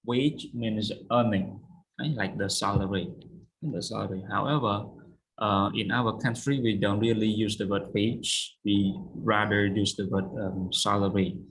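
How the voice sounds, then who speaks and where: A man's voice: fairly low pitch, steady tone, measured pace, fairly bright tone, low-quality recording. A man teaching an online English lesson, patiently explaining words and checking understanding. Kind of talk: online vocabulary and pronunciation lesson.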